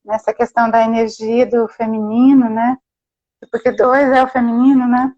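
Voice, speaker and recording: A woman's voice: fairly high pitch, little pitch movement, moderate pace, mellow, dull audio. A woman host in a casual spiritual conversation, reflecting in long meandering sentences full of questioning tags. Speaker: host therapist.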